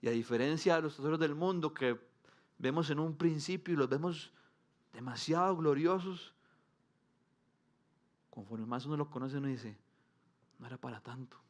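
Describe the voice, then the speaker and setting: A man's voice: a little high, moderate pace, long pauses. A man in his thirties with a Costa Rican accent, preaching a sermon as pastor in a conversational, humorous way that swells with emphasis.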